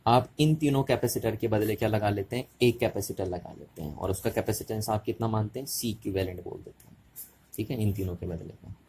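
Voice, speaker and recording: A man's voice: lowish voice, fairly quick, a little mellow, slight background noise. A man teaching a physics lesson at a board, explaining step by step and often checking with the students. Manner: repetitive, checking questions to students.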